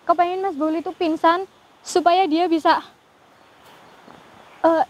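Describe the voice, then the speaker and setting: A woman's voice: very high voice, steady tone, unhurried, darkish tone, poor audio. A woman hosting a ghost-hunting vlog, speaking fearfully and murmuring prayers as she goes. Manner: fearful, praying aloud often. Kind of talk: live paranormal investigation vlog.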